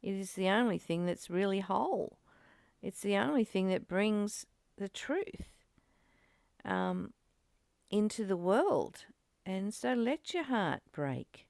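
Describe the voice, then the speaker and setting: In a reflective spiritual discussion that is partly read aloud, a female study group host speaks earnestly, frequently repeating phrases as she reads and comments. Her voice is on the high side, creaky and a little mellow, captured in clean studio sound with no room sound.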